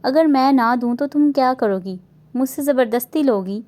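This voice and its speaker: A woman's voice: sits high, warm tone, lightly acted. A woman voicing a young husband in a romance novel reading, teasing and earnest by turns. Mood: affectionate.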